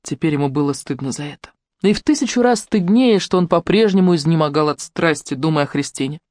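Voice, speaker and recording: Steady audiobook narrator, dry close sound. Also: medium pitch, dry recording. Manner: steady, measured reading.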